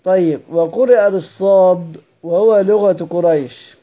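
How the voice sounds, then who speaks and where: A man's voice: sits high, a little slow, mellow, highs cut off. A man with an Egyptian accent giving a study-circle lecture on Quran readings. He asks himself questions, answers them, and repeats the key phrases. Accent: Egyptian Arabic.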